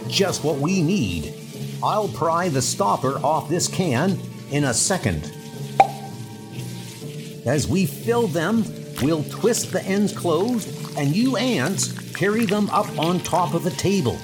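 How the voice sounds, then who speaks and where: A man playing a brisk, bossy scientist superhero, earnest and a little patronizing, in a comic dub. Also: fairly high pitch, sing-song, over music. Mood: urgent. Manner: earnest, commanding.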